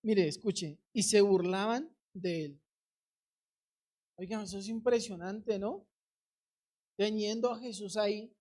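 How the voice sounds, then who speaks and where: A woman's voice: medium pitch, slow pace, pauses often, dark tone. A middle-aged woman preaching a sermon, urging the congregation directly and acting out quoted voices.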